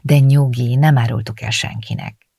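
A woman's voice: extremely low pitch, steady tone, vocal fry, warm tone, breathy edge, dry recording, studio quality, full character voice. A woman reading an audiobook voices a chatty female friend who is apologetic at first, then blunt and outspoken. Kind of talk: audiobook character voice.

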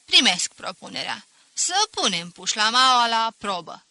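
A woman's voice: a little high, very animated, bright, forceful tone, dry recording, heavily acted. A woman doing a sneering old schoolteacher. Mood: condescending. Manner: sneering, sarcastic, with mocking chuckles. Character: scornful mocking older male schoolteacher.

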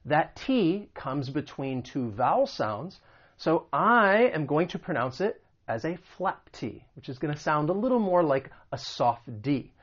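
An American man teaching English pronunciation, patiently repeating example phrases slowly. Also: a little high, very animated, lo-fi sound. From United States. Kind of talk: explaining and demonstrating pronunciation.

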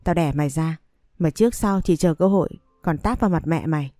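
A woman voicing a sharp-tongued, abusive middle-aged mother who hurls insults at her son in a storybook reading. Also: brisk, dry recording, studio quality, faint music behind, close to an everyday voice. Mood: scolding. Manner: shrill scolding insults.

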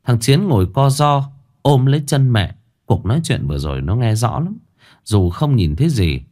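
A man with a mid-range voice narrates a ghost story at a moderate pace, telling it in an expressive, storytelling manner.

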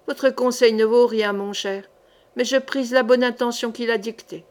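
A woman's voice: on the high side, steady tone, normal speed, darkish tone, natural voice. A wry teasing young knight, read by a woman. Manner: dry, teasing. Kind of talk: audiobook character reading.

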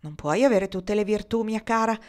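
A woman's voice: mid-range voice, lightly acted. A woman reading wry, teasing pioneer woman. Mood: wry, reassuring. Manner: teasing, brisk and reassuring. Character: worldly, wry young woman pioneer traveler.

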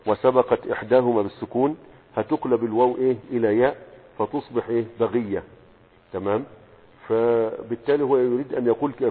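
A man's voice: medium pitch, husky. A man with an Egyptian accent, a sheikh teaching a lesson on Arabic morphology. He explains a text, poses rhetorical questions and keeps checking that the class follows. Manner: asks rhetorical questions and checks understanding with "okay?". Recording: tinny lo-fi sound with long reverb.

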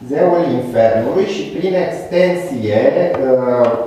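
A man's voice: medium pitch, animated, warm tone, a little hiss or hum. A male teacher giving a patient, explanatory classroom lecture, spelling out letters one by one. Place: large echoey classroom. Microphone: distant recorder. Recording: echoey room from far off.

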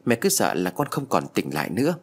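Brief: anxious superstitious mother, voiced by a man, husky and lively. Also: low-pitched, a little fast, exaggerated voice. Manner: pleading, worried.

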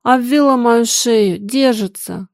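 A woman's voice: on the high side, slow, no echo, studio quality. A woman voicing a poor, grieving peasant mother who speaks in plaintive, sighing folk speech.

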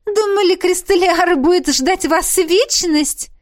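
A woman voicing a sly, flirtatious fairy princess who purrs and teases in a high, bright voice. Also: expressive, moderate pace. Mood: coy teasing. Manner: purring, coy.

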